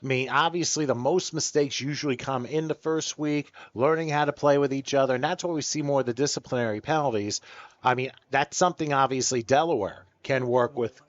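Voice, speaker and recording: A man calling play-by-play for a football game, building excitement as the plays unfold. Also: medium pitch, a little fast, dry recording, lo-fi sound. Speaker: play-by-play announcer. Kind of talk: sports play-by-play commentary.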